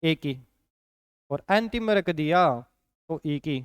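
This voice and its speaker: A man's voice: on the high side, slow pace, smooth, no echo, studio quality. A man teaching a shorthand lesson, explaining patiently and often checking in with his students. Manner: patient, repeats points with frequent "ठीक है" check-ins.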